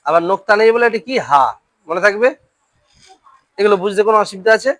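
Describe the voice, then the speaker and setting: A teacher leading a classroom Quran reading lesson, calling out Arabic letters and vowel syllables one by one for students to repeat. The voice sits at an ordinary middle pitch, and the sound is dry and close with little room echo. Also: quick pace, fairly bright tone. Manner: drills syllables aloud, often checks understanding. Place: classroom with a board.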